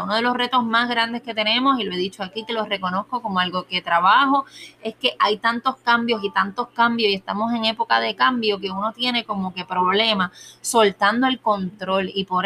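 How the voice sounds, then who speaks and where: A woman's voice: mid-range voice, sharp tone, a little hiss or hum. A woman preaching a sermon in an earnest, emphatic way, often posing rhetorical questions.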